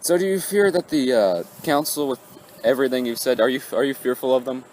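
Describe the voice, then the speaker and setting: A man playing a casual anchor on a homemade spoof newscast, pausing mid-sentence as he presents and interviews. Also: mid-range voice, darkish tone, echoey room, close to an everyday voice. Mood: inquisitive. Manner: halting, pauses mid-sentence. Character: laid-back male anchor of a spoof amateur newscast. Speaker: host and interviewer. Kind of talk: mock news presenting and interviewing. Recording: noisy amateur recording, background hum.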